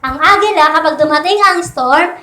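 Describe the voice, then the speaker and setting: Brisk, pushed and bright, a woman's very high-pitched voice fills an echoey church hall during a Sunday sermon. She talks to the congregation conversationally, blending English phrases into Tagalog and repeatedly seeking their agreement.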